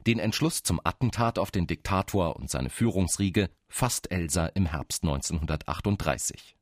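Male narrator, deep register, sober and factual scripted documentary read, dry studio sound. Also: normal speed, no room sound.

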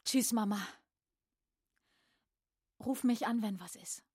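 A hurried grown daughter. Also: female voice, fairly high pitch, warm tone, slightly rough, dry recording, clean studio sound. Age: 40s.

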